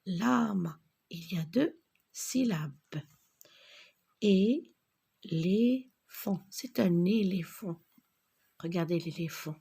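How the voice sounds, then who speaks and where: A woman teaching children to read, slowly spelling out letters and syllables and repeating each word, often half-whispering. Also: on the low side, expressive, creaky, warm tone, husky. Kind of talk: reading lesson for young children.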